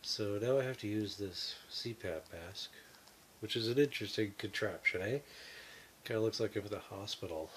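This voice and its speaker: A man talking from his bed through a breathing mask, his voice nasal and muffled, halting with many fillers. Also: on the low side, fairly bright tone, slight background noise. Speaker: vlogger. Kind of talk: casual talk to camera. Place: bedroom, lying in bed.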